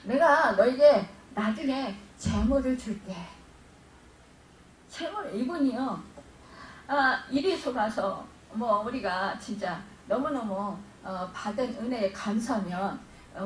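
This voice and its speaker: A woman's voice: mid-range voice, a little hiss or hum. A middle-aged woman pastor preaching a sermon, retelling a story and acting out tearful prayers with strong emotion. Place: church sanctuary. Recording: echoey room, mic far off, faint ambience.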